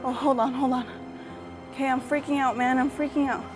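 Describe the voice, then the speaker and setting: High-voiced jumpy young woman vlogger. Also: fairly even intonation, fairly quick, music in the background. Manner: jumpy, anxious, keeps repeating herself. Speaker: gardening vlogger. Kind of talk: casual vlog talking to viewers. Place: outdoor home garden.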